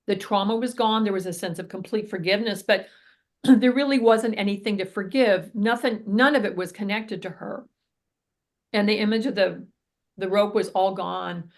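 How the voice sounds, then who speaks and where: A woman's voice: medium pitch, moderate pace. A woman therapist, a guest on an interview podcast, telling a case story earnestly and vividly, often acting out what people said.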